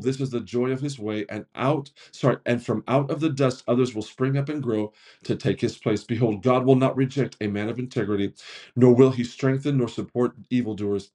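Dark-voiced pastor reading scripture. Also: male voice, mid-range voice. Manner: earnest reading with frequent stumbles and self-corrections.

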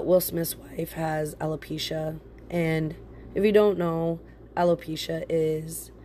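A woman's voice: low-pitched, darkish tone, a little hiss or hum. A woman hosting a casual solo podcast with a stuffy, congested voice from a chest cold, talking in a blunt, slangy, jokey way. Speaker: podcast host.

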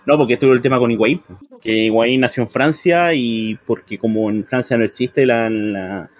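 During a live match, a Chilean-accented football commentator on a group broadcast trades casual banter, teasing and exaggerating for laughs. His voice sits in the mid-range and his pace is moderate.

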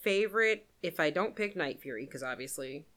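A woman's voice: sits low, expressive, normal speed, a bit bright. A woman co-hosting a podcast in casual chat, talkative, laughing often and trailing off mid-sentence. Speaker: podcast co-host.

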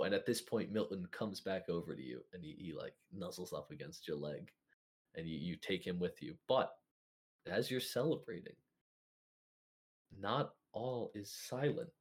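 A young man narrating a tabletop game as game master, in a casual, halting way with many restarts. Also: low-pitched.

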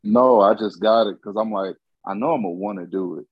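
A man's voice: fairly low pitch, brisk, no room sound, dull audio. A man chatting casually with friends as a podcast co-host, slangy and profane. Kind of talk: casual chat among friends.

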